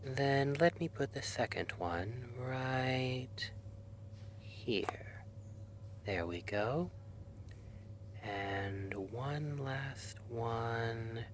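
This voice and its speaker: In an ASMR roleplay, a man plays a gentle, reassuring clinician at a dream institute, speaking softly and often dropping to a whisper. His medium-pitched voice sounds soothing and attentive, with a faint hiss or hum in the audio.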